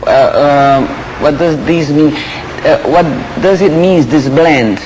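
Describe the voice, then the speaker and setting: A man interviewing, halting and searching for words, with many ums. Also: a little high, background noise. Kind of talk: interview questions.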